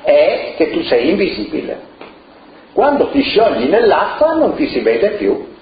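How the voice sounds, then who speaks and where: A man putting on a proud, boastful onion from a children's storybook, pitched above his usual voice. The sound is roomy and slightly dull. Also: wildly swooping pitch, unhurried, full character voice. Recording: echoey room, muffled, faint noise.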